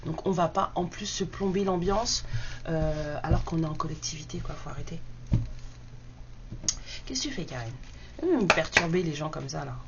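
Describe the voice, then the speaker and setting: A woman's voice: deep voice, expressive, moderate pace, long pauses. A woman hosting card-reading guidance in a casual, blunt, unscripted monologue, speaking with one side of her mouth numb from the dentist. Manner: blunt, unapologetic, colloquial. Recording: dull muffled sound, faint background noise.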